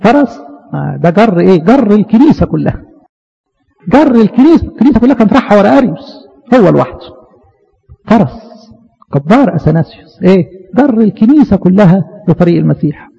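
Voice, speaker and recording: A man with an Egyptian Arabic accent preaching a fervent sermon, asking his listeners questions and slowing down to quote scripture. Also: high-pitched, sing-song, gravelly, dark tone, breathy edge, in a large hall, dull audio.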